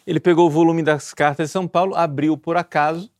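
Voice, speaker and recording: A man with a Brazilian Portuguese accent preaching fervently, pressing his listeners with rhetorical questions and reading quoted passages slowly and solemnly. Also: on the high side, fairly even intonation, darkish tone, no room sound, clean studio sound. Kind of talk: sermon explaining a spiritual classic.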